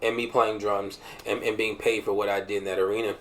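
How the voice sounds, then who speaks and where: A man's voice: lowish voice, flat delivery, brisk, a bit bright. A man in his thirties, hosting a show and telling a personal testimony with humor and emotional swings. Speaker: podcast host sharing a testimony.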